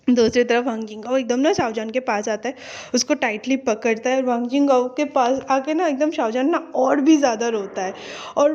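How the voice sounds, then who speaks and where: A woman's voice: high-pitched, a little mellow. A woman retelling a fan story in a chatty, casual way, full of fillers and English words. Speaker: fanfiction narrator. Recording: dull lo-fi recording.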